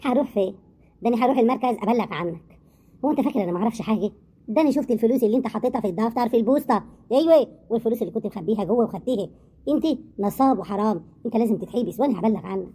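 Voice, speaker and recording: A woman with an Egyptian accent voicing a sharp-tongued older mother-in-law who scolds and mocks. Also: fairly high pitch, animated, husky. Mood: accusing. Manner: scolding, mocking, rapid.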